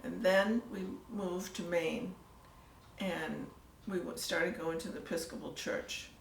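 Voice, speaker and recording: Older woman, creaky voice, soft-spoken, echoey room, distant mic. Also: lowish voice, fairly even intonation, slow, slight background noise. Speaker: church newcomer telling her story. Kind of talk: casual storytelling interview.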